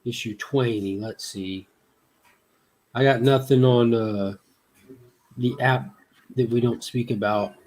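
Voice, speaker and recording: A man's voice: mid-range voice, steady tone, takes it slowly, pauses often, a little mellow. A man chats casually as a guest on a friend's livestream. He keeps the mood light with teasing jokes and laughs often as he talks. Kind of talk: casual chat.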